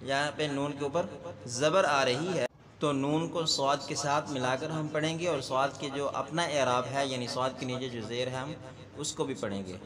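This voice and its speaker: A man teaching Quran recitation word by word, repeating each sound slowly and drawn out for the learner. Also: medium pitch, big-room sound, a crowd in the background. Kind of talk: slow word-by-word recitation lesson.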